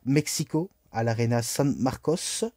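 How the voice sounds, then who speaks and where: Man, amateur wrestling reviewer: slow, halting, mellow tone, dry close sound. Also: mid-range voice, no room sound. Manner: hesitant, full of "euh" and "ben" fillers; apologetic, self-correcting. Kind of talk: casual solo review monologue.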